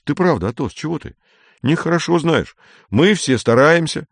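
A man's voice: a little high, lively intonation, moderate pace, vocal fry, no echo, clean studio sound, pitched above the performer's own voice. A man voicing Lin, a heavy, good-natured boy who talks hesitantly and pleads with his friends. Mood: pleading. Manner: hesitant, pleading, then stern.

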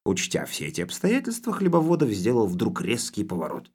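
A man reading an audiobook aloud with lively, expressive storytelling. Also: lowish voice, a little fast, breathy edge. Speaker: audiobook narrator.

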